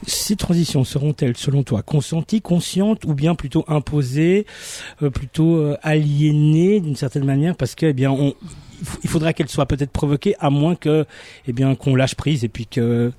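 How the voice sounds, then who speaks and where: Measured radio host, dry sound. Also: male voice, a little high, warm tone, no echo. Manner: measured, formal questions. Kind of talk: radio interview.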